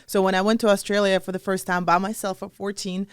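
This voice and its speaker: A woman's voice: medium pitch, level tone, fast talker, smooth, no echo. A young woman from Russia with a Russian accent and a touch of British English, telling her story as a podcast guest in a chatty way, full of fillers. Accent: Russian, with some British English. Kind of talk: casual interview chat.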